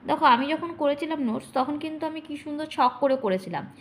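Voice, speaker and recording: A woman teacher explaining poetic meter to students, speaking to them directly and drawing out syllables slowly to demonstrate. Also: high voice. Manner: addresses students directly, checking understanding.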